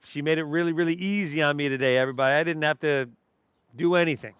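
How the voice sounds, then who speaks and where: Guy teaching yoga class, smooth clean voice, dry sound, chill and encouraging, talks you through breathing. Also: fairly high pitch, steady tone, quick pace, fairly bright tone, dry recording. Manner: encouraging, easygoing, addresses the class informally. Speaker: yoga instructor. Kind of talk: guided yoga class instruction.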